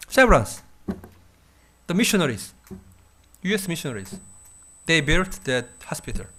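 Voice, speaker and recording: Slow, halting Korean-accented man lecturing. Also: on the high side, wildly swooping pitch, sharp tone, a little hiss or hum. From South Korea. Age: 50s. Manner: halting, thoughtful, with frequent pauses and fillers. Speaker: university lecturer. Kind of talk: classroom lecture.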